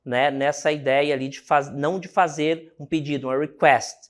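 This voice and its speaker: A man's voice: a little high, fairly even intonation, normal speed. A man from Brazil teaching an English lesson, explaining step by step and checking in with the class.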